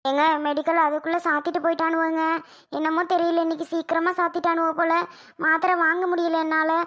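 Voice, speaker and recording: A woman's voice: extremely high pitch, little pitch movement, a little fast, fairly bright tone. A woman voicing a flustered young wife who frets over her sick husband, in a cartoon. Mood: fretful. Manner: fretful, complaining. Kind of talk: cartoon voice acting.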